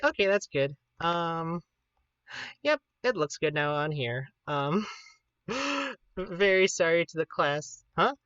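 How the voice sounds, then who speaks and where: Female livestreamer, Pittsburgh accent, lower-pitched and very expressive, informal rambling delivery, dry slightly lo-fi sound. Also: takes it slowly, smooth, no room sound. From Pittsburgh, United States. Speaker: livestreamer teaching an informal class. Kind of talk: casual livestream chat.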